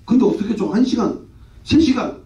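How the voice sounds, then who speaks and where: A man's voice: high voice, animated, fairly quick, warm tone, reverberant, recorded from a distance, lo-fi sound, voice pushed up. A man voicing an indignant day laborer who complains that he was treated unfairly. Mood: protesting. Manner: complaining, protesting.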